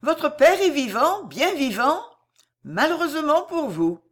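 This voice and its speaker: Woman voicing a scheming noblewoman, high-pitched, slow, solemn, icy, insinuating. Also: very animated. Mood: coldly persuasive. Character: cold scheming noblewoman, calm and implacable. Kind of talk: audiobook reading.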